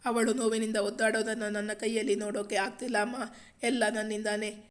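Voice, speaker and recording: A woman's voice: medium pitch, flat delivery, brisk, natural voice. A woman voicing a frightened, tender young husband who speaks in an anxious, pleading way. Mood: distraught.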